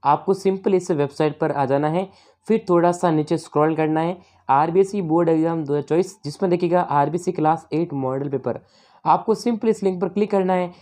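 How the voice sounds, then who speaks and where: A woman teacher with a Rajasthani Hindi accent explaining an exam paper step by step, calling the viewers "friends" and reading the English questions slowly. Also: sits low, mellow. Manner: explanatory, repeats "dosto", slow English readings. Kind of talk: exam paper walkthrough lesson.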